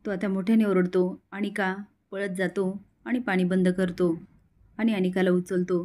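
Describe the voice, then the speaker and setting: A woman narrating a story in a steady retelling voice. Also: medium pitch, moderate pace.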